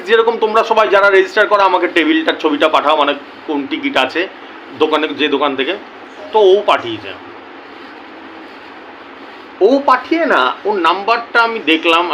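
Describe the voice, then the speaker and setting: Young male vlogger, high and bright, animated casual storytelling to camera, acts out both sides of a chat. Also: a little hiss or hum, rough recording. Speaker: lottery tips YouTuber.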